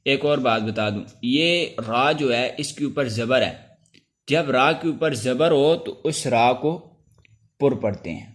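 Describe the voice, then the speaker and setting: A man with a Pakistani Urdu accent leads a recitation lesson at a middle pitch, talking through the rules in a patient step-by-step way. He now and then stretches a letter or word out slowly in a chant, and clears his throat between points. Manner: slow drawn-out chanted letters between spoken explanations. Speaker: Quran recitation teacher.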